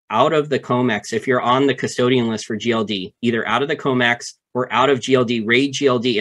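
Man explaining market mechanics step by step. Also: medium pitch. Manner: animated, explains step by step with repeated phrases. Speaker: podcast co-host. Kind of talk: casual finance discussion.

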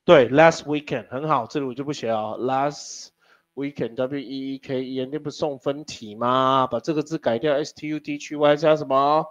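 A man's voice: medium pitch, steady tone, moderate pace. A man teaching an English class, teasing his students and spelling words out letter by letter. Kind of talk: classroom lesson. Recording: dull lo-fi classroom recording.

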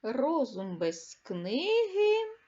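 Slow, lively-voiced woman teacher. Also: high-pitched, lo-fi sound. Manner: slow, clear, emphatic reading with stressed words. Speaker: primary school teacher. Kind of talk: reading lesson for young children.

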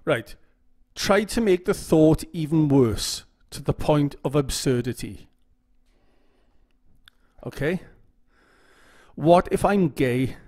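A man's voice: fairly high pitch, darkish tone. A man giving casual instructional talk to camera, often repeating phrases and checking in with "okay?". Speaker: YouTube OCD educator.

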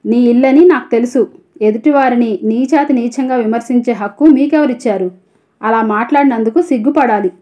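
A woman's voice: fairly high pitch, moderate pace, muffled recording, close to an everyday voice. A woman reading a storybook, voicing a principled, caring young woman who gives firm, cutting rebukes. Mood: stern.

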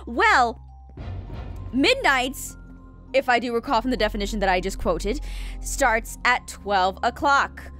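Sassy, bumbling female defence lawyer acted by a woman, high voice, theatrical and halting, game role-play over music. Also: lively intonation, a bit bright. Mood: mock-confident. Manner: theatrical, halting, self-important. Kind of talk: improvised courtroom role-play.

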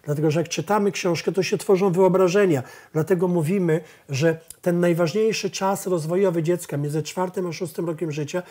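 Husky-voiced man telling lively stories. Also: high-pitched, brisk, hardly any pauses. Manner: animated storyteller acting out family dialogues. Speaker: professor and therapist. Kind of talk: studio talk show interview.

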